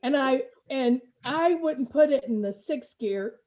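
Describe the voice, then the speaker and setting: An older woman, a computer trainer, chatting and telling lively stories on a video call. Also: high-pitched, measured pace. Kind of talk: casual chat on a video call. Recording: muffled lo-fi video call audio.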